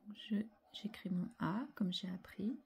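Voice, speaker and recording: A woman teaching young children handwriting, talking slowly and carefully, sounding out each letter and syllable and often dropping to a soft half-whisper. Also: medium pitch, vocal fry, breathy edge.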